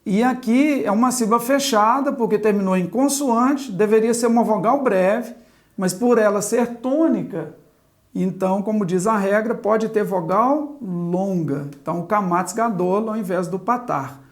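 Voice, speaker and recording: A woman's voice: medium pitch, moderate pace. A woman teaching a Biblical Hebrew grammar lesson at a chalkboard, methodically spelling out letters and vowels one by one. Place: classroom with a chalkboard.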